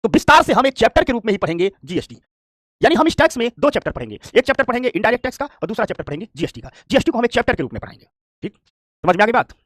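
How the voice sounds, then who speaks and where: A man teaching an economics class, talking quickly and often asking if students understood. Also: very high-pitched, no room sound, studio quality. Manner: fast, lively, repeats "ठीक" and checks understanding; acts out complaining shopkeepers. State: tired from standing. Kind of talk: classroom lecture.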